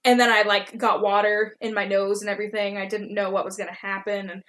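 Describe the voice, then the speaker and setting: A woman's voice: medium pitch, little pitch movement, fairly quick, fairly bright tone. A young woman reading her own old story aloud in an embarrassed, giggly way, acting out dialogue and adding casual self-mocking asides. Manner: voices dialogue animatedly.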